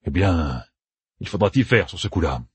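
A man voicing a stern, steady middle-aged general who talks calmly and gravely. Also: low voice, moderate pace, no room sound, exaggerated voice.

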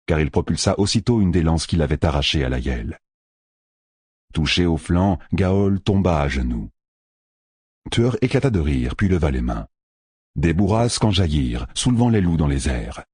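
Deep, husky male audiobook narrator. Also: no echo, studio quality. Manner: expressive, dramatic reading. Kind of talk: scripted narration.

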